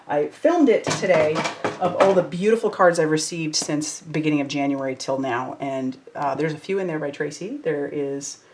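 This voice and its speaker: Woman, lowish voice, chatty live craft host greeting viewers by name. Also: moderate pace, slight background noise. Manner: chatty, reads out viewer comments, warm and effusive. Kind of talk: casual live chat while crafting.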